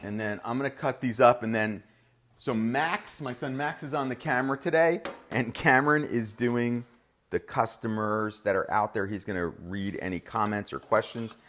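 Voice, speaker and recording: A man's voice: mid-range voice, normal speed, fairly bright tone. A middle-aged man with a New Jersey accent, hosting a live cooking demonstration in an upbeat, chatty way and talking straight to viewers. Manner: upbeat, chatty, addresses viewers as "you guys". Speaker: cooking show host.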